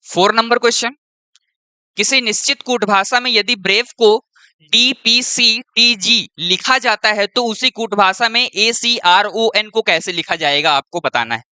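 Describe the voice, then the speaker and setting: A man's voice: high voice, unhurried, bright, forceful tone, clean tone, no room sound. A male teacher talking through an exam-prep lesson step by step. He keeps checking in with the students as he goes. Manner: checks in with students often and keeps saying "your".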